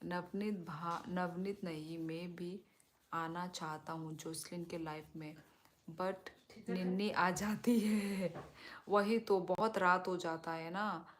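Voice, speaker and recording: A woman hosting a casual live stream, chatting with viewers and answering comments in a relaxed, easygoing way, mixing in English words. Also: fairly low pitch, slow, a little hiss or hum. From Northeast India.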